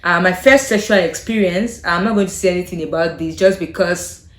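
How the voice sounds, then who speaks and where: This Nigerian vlogger, a native Yoruba speaker, has a lowish voice and a brisk delivery as she chats casually to camera. She's thoughtful and hesitant, laughing frequently and letting her words trail off softly, all in an echoey room.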